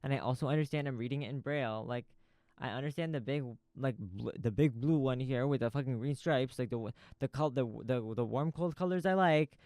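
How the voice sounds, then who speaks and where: A man hosts a casual podcast from a small recording studio, talking in a loose stream of consciousness. He swears freely and jumps from thought to thought in a long info dump. His voice is smooth and resonant at a middle pitch, recorded dry and close. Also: a little fast, a little mellow, no room sound. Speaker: podcast host. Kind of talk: casual rambling monologue.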